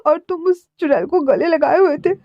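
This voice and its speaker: A woman's voice: high-pitched, brisk, no echo, pitched above the performer's own voice. Woman voicing a sobbing jealous young man. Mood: tearful, jealous. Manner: pleading, repetitive tearful protests. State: crying. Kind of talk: fan fiction story narration. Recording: dull lo-fi audio.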